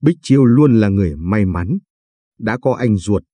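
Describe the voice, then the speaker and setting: A man voicing a shy, polite young woman with a limp, speaking softly and timidly in a storybook reading. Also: on the low side, animated, normal speed, slightly rough, no echo. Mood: hurt, gentle.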